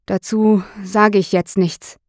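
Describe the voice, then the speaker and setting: A woman's voice: mid-range voice, flat delivery, slow pace, dry recording, studio quality, lightly acted. Woman voicing a panicky defensive young man. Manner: agitated, stammering, rising in panic. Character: stressed young male suspect, defensive.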